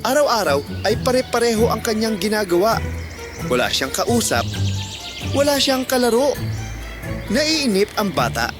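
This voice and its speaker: An expressive storybook narrator with a lively, swooping delivery and a moralizing touch. Clear music plays behind the voice the whole time. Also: mid-range voice, normal speed, long pauses. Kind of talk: scripted children's story narration. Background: background music.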